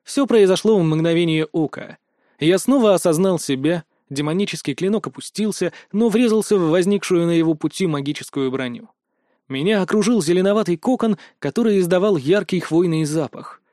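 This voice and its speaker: A man narrating a fantasy audiobook in the first person, in a steady, dramatic storytelling manner. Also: high voice, fairly quick, dry recording, clean studio sound.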